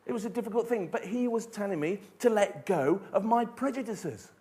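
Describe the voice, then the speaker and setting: A man's voice: sits high, lively intonation, brisk, a little mellow. Emphatic middle-aged man speaking. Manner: emphatic, storytelling, rhetorical questions. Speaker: motivational speaker. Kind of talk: keynote speech.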